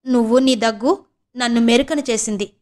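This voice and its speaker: A woman voicing a quick-tongued young student niece who chats, teases and grumbles to herself. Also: on the high side, darkish tone, lightly acted. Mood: cheeky. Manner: chatty, teasing, grumbling asides.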